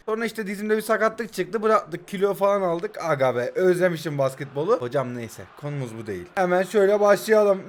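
A man in his twenties chatting casually as he plays a mobile football game and reacts to each move. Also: high voice. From Turkey. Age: 20s. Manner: chatty, keeps saying hocam, flares up at the referee. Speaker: mobile football gamer and streamer. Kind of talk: casual gameplay commentary.

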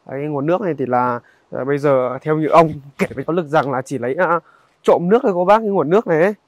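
A young man, narrating a casual outdoor vlog in a halting, conversational way and speaking directly to viewers. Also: on the high side, dry recording. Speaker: vlogger. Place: outdoors in a highland village.

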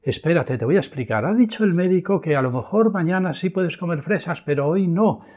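A man's voice: high-pitched, animated, a little fast, darkish tone, pitched above the performer's own voice. A man voicing an exasperated parent who coaxes a child to be reasonable. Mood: pleading. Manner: coaxing, insistent.

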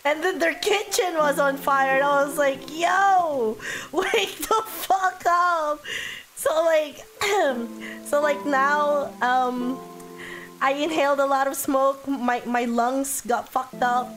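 A woman chats casually on a live gaming stream in a high voice, taking her time between phrases. She is excitable and giggly and swears freely, sounding hoarse from sickness, with game music clearly playing behind her. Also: takes it slowly, low-quality recording. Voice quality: hoarse, husky from illness. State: sick, coughing.

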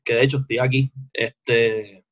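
A man, chatting as a guest in a relaxed, slangy way on a video call from his home music studio. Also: medium pitch, unhurried. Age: 20s. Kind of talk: casual interview chat.

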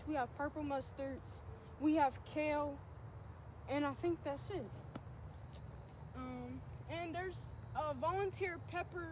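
A teenage girl with a Kentucky accent giving a casual guided tour of a farm field, chatty and loose with many ums as she walks and points. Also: high voice. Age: teen. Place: outdoors on an open urban farm field. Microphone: camera held by a person following a few feet behind. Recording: outdoor field noise on a handheld camera.

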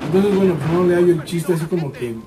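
A man with a Mexican Spanish accent giving casual gameplay commentary, excitable and swearing, repeating words in quick bursts. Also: on the high side, far from the mic, noisy background. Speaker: gaming YouTuber.

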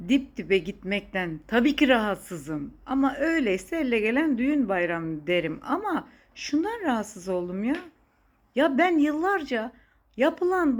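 A middle-aged woman hosting a podcast, chatting casually and playfully and laughing often. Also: sits high. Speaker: podcast host. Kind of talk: casual chat.

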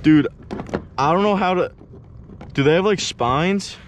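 Out on open water, a young adult fishing vlogger talks excitedly from his kayak in slangy bursts, captured by an action camera fixed to the boat. His voice is high-pitched and his pace measured, punctuated by hyped exclamations. The outdoor audio carries wind and water noise.

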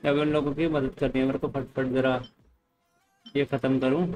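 A man's voice: medium pitch, moderate pace, faint music behind, low-quality recording. Easygoing Indian man streaming a game. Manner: easygoing, mixes Hindi and English, calms the chat. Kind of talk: casual live-stream chat with viewers. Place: home room, hot.

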